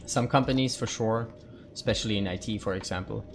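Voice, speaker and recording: Streaming a game, a young man who speaks Hungarian natively keeps up loose, chatty talk with his audience, responding to viewer messages and peppering his speech with fillers and asides. He talks briskly in a fairly low voice. There is slight background noise.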